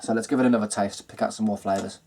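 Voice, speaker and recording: A man hosting a casual whisky review video, talking in a relaxed, chatty way with lots of ums and kinds of. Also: on the low side, very fast, creaky.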